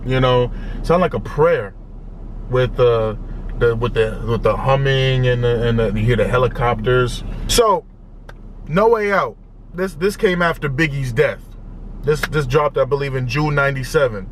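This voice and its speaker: A young man hosting a music reaction video, talking casually and excitedly in slangy, repetitive bursts. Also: mid-range voice, normal speed, slight background noise. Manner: excitable, loud, slangy, repeats himself.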